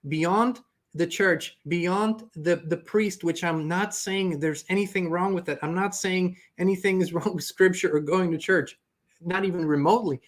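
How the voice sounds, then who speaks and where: A man hosting an earnest, reflective spiritual motivational talk. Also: on the high side. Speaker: host.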